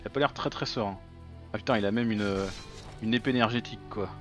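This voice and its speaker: A man's voice: on the low side, fast talker. A man hosting a gaming video with casual, slangy, joking commentary. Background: game music.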